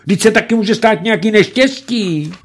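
A man doing a whining fat old bandit chief. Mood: pleading. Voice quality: high pleading whine.

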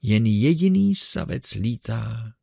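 A man voicing an eccentric old male showman in an audiobook, loudly ordering people about. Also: medium pitch, expressive, gravelly, no room sound, clean studio sound. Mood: bossy. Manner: exclaiming, bossing others about. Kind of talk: audiobook character reading.

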